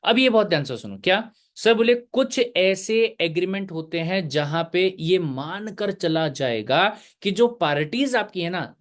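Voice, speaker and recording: A male teacher giving a live online lecture, chatty and joking, mixing English terms into his talk. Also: fairly high pitch.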